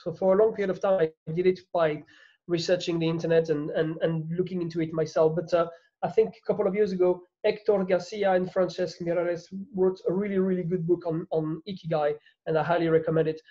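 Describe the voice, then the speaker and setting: A man with a French accent speaks earnestly in a casual interview, often repeating words as he searches for them. His voice sits high and mellow. The sound is dull and lo-fi. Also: fairly even intonation, quick pace. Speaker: guest.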